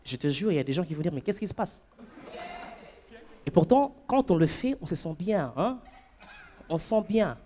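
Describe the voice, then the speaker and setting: A man doing a stand-up comedy set on stage, playful and animated, breaking into falsetto and shouts for gags. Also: moderate pace, pauses often, a little hiss or hum. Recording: live club with audience.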